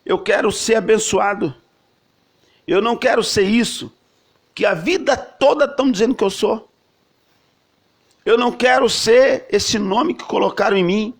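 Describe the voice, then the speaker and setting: A man's voice: high voice, unhurried, long pauses, pitched above the performer's own voice. A man voicing a desperate, wounded man who pleads insistently for a new name. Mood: pleading.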